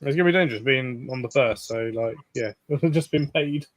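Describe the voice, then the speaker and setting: A man hosting a casual live stream chat, explaining things in a relaxed way with fillers and restarts. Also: medium pitch, brisk, no echo, poor audio.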